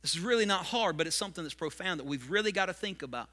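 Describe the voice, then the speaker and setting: A man preaching a sermon as pastor, with repetitive points that build to loud emphasis. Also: high voice, lively intonation, racing.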